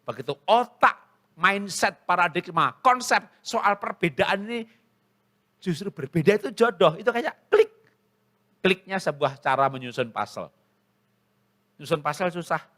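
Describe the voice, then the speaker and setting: A middle-aged male pastor preaching a humorous sermon, telling lively stories and acting out dialogue at a church service. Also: high voice, measured pace, pauses often. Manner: lively storytelling, acts out dialogue.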